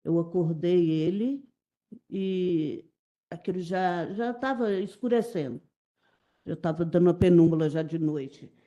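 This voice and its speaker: A middle-aged Brazilian woman giving halting, repetitive, emotional testimony as a witness in a courtroom. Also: lowish voice, warm tone, highs cut off. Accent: Brazilian Portuguese. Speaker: witness testifying in a jury trial.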